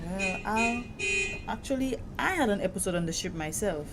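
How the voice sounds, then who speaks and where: In an audio drama, an actress plays a proud, wounded young Caribbean woman who speaks conversationally with emphatic indignation and a very lively pitch. Her mood is defensive, the acting light and the speed normal, with noticeable background noise.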